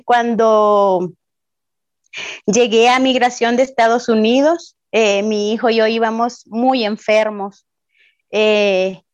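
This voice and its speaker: A woman with a Salvadoran accent tells her own story as a migrant, very slowly and with many pauses. Her voice sits a little high. The recording is dry and a little muffled. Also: no room sound. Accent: Salvadoran Spanish. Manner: slow, hesitant, with many fillers. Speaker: interviewee, migrant. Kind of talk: personal testimony. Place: Ciudad Juárez.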